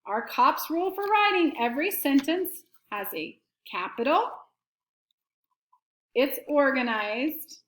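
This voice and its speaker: A woman teacher giving an early-grade writing lesson and slow dictation to students at home, prompting them patiently. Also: high-pitched, lively intonation, reverberant.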